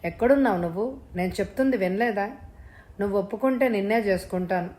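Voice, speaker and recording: A woman's voice: medium pitch, quick pace, a little mellow, natural voice. Woman reading as a hesitant widowed brother-in-law. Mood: hesitant pleading. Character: grieving widower brother-in-law, man, middle-aged, pushy.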